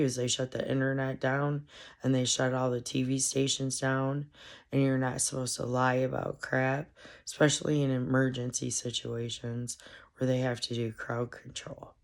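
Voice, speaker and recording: Brief: congested woman vlogger, monotone and gravelly, halting ramble full of fillers. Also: a bass voice. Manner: halting, meandering, heavy with fillers. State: stuffed up, congested. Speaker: solo commentary vlogger. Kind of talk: casual rambling monologue.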